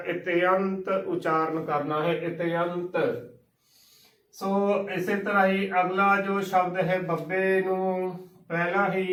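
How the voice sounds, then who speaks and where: Man, high even voice, steady spell-it-out lesson, set back from the mic in an echoey room. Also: distant mic. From Punjab. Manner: patient, spells letter by letter, repeats each word slowly. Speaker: gurbani pronunciation teacher. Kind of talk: slow spelled-out recitation lesson.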